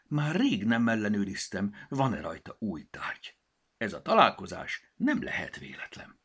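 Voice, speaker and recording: A man with a gravelly, husky voice, voicing a lively, busy male gnome in a children's story, brisk and bossy. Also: lowish voice, full character voice.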